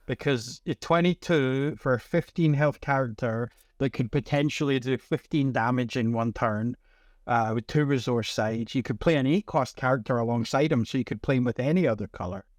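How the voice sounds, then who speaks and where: A Scottish man co-hosting a casual chat, calmly explaining game card rules. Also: medium pitch, moderate pace, dry recording, clean studio sound. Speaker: podcast co-host.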